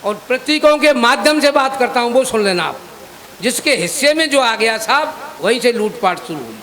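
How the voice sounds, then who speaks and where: High-voiced man reciting satirical verse. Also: lively intonation, normal speed, a bit bright. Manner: chants and half-sings refrains, breaks off to address the audience. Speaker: poet at a poetry gathering. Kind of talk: satirical poetry recital with sung refrains. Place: stage at a poetry gathering.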